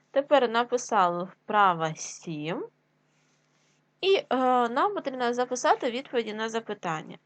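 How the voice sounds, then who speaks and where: A woman teacher dictating to young pupils at a slow, deliberate pace, leaving pauses for writing. Her voice sits at a middle pitch and sounds dry and close, as if recorded in a small room. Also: no room sound. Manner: drills word pairs, rising on each choice and dropping on the answer. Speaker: primary school teacher. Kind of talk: dictation-style lesson.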